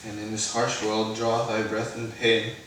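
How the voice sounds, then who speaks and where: An actor playing a poisoned prince in a Shakespeare tragedy, bleeding out, coughing and gasping in halting, broken phrases. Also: male voice, fairly low pitch, flat delivery, fairly bright tone, lightly acted. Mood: desperate, pleading. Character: dying poisoned Danish prince, anguished and urgent. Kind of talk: classical Shakespeare stage acting. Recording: echoey room, far from mic, noisy.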